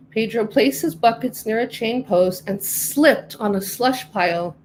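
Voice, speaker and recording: A middle-aged woman reading her own storybook aloud with clear, careful narration. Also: on the high side, slight background noise, rough recording. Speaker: author reading her book.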